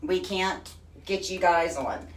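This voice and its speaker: A Texan woman with a matching accent hosts a casual live stream, chatty and folksy, calling people honey and y'all. Her voice is lowish and slow, with a little hiss or hum, recorded far from the mic in an echoey room.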